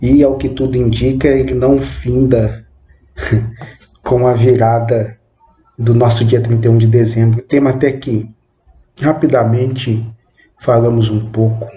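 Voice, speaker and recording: A man in his twenties giving a reflective spoken monologue, with halting, measured phrasing and frequent questioning tag words. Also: mid-range voice, little pitch movement, warm tone, highs cut off. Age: 20s. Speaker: channel host. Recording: roomy echo with faint background noise.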